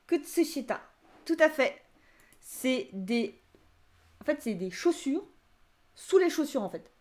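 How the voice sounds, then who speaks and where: A woman's voice: sits high, takes it slowly. A young woman teaching Japanese vocabulary on a live stream, reading out and reacting to chat answers with frequent laughter. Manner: lively, laughs often, reads chat answers aloud.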